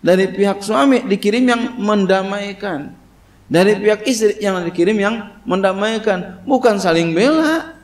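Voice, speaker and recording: A man's voice: high voice, lively intonation. Man teaching Quranic commentary. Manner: reads Arabic text slowly, then explains in casual Indonesian with frequent "ya". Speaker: Islamic cleric teaching tafsir. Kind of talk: kitab study sermon.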